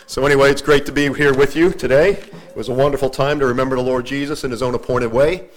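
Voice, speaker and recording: A man preaching a sermon, mixing folksy stories with slow, careful readings of scripture and correcting himself as he goes. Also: medium pitch, fairly even intonation. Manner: homespun asides and self-corrections, slows for scripture reading.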